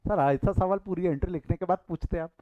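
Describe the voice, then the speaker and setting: A man gives an animated accountancy lesson, his voice sitting a little high. He keeps repeating phrases and asking the class questions. The sound is dry and a bit dull, like a lo-fi recording. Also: fast, dry recording. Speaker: accountancy teacher. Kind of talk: lively classroom lecture with storytelling.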